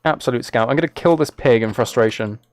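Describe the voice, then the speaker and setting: A young British live streamer, late teens to early twenties, chats casually over a game at a quick pace in a medium-pitched voice. His tone is wry and playfully exasperated.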